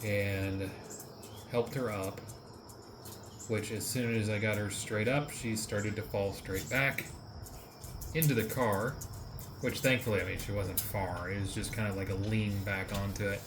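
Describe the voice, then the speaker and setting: A man's voice: on the low side, fairly even intonation, measured pace, long pauses. A man talking casually in an easygoing, lightly amused way, like someone recounting his day. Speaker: driver and caregiver telling the story. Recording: clear car and outdoor background noise.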